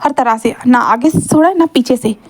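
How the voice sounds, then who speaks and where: A woman's voice: fairly high pitch, moderate pace, lightly acted. A woman voicing a grumpy, exasperated young male college student in a fan-fiction story. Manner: exasperated complaining.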